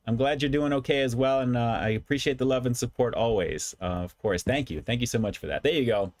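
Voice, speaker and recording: A man's voice: on the low side, no echo. Guy doing a chatty food review livestream, repeats himself for emphasis, close dry recording. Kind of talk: casual livestream chat, reading and answering comments.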